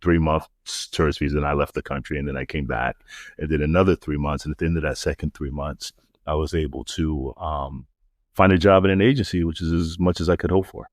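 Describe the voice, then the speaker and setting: A middle-aged man, chatting casually as a podcast guest, relaxed, with many fillers and restarts. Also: a bass voice, fast talker, dry recording, studio quality. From New York (the Bronx). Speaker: podcast guest, marketing agency founder. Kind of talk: casual interview chat.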